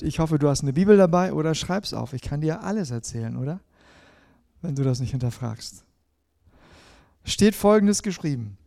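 A preacher with a mellow, warm voice, a bit high for a man, reads scripture aloud during a sermon. He speaks directly to the listener, moving between emphatic passages and hushed ones.

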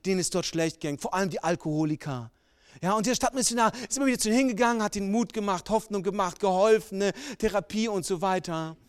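A man preaches a sermon in a high voice, telling stories with emphasis and a casual, everyday way of speaking. The sound is close and dry, with little room echo. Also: clear, resonant tone. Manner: emphatic storytelling, colloquial.

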